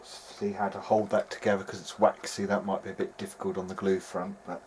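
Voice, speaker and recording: With a lowish voice and a fairly quick pace, a man talks casually through his radio restoration work at the bench. He sounds hesitant, as if working things out aloud, over clear, steady background noise.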